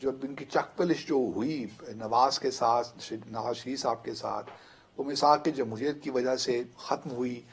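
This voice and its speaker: Husky male pundit, measured and hesitant, long explanatory answers. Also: mid-range voice. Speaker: studio analyst guest. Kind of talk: talk show political discussion.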